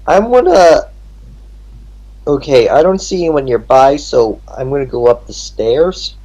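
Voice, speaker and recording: A man plays a tabletop game, talking casually at a slow pace. His pitch moves around in a lively way. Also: highs cut off.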